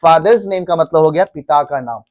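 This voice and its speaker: High-voiced Indian male teacher. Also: fairly quick, a little mellow. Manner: asks questions and has the class repeat; mixes Hindi with English phrases. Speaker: English teacher. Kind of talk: classroom lesson.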